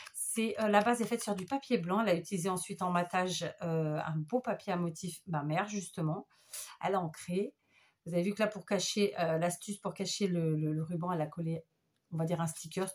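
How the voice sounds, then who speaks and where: A woman's voice: fairly low pitch, fairly even intonation, moderate pace, slightly rough. A woman chatting casually to camera as she shows off handmade papercraft gifts, gushing with enthusiasm. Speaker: craft vlogger. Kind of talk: casual show-and-tell chat.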